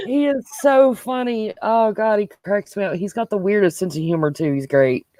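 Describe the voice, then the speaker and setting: A woman's voice: medium pitch, normal speed, warm tone, dry recording. A woman from South Carolina with a Southern accent, chatting and telling stories on a livestream call. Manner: chatty, laughing storyteller. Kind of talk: casual chat on a livestream.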